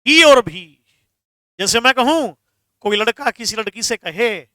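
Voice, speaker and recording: A man's voice: very high-pitched, animated, measured pace, bright, forceful tone, no echo, clean studio sound. A man teaching a Hindi grammar class online, stressing key words and answering viewers' comments.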